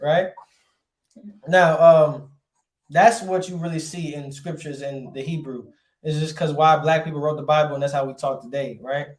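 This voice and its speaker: A man teaching a relaxed class, with a voice a little higher than most men's. He talks conversationally and keeps checking in with rhetorical questions. The room gives his voice a noticeable echo. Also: moderate pace. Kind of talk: casual classroom lesson. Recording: roomy echo.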